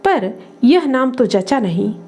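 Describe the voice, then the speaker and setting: Brief: woman narrator doing a teasing middle-aged man, light and joking, soft dark tone. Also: on the high side, lively intonation, slow, soft background music. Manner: mischievous, joking.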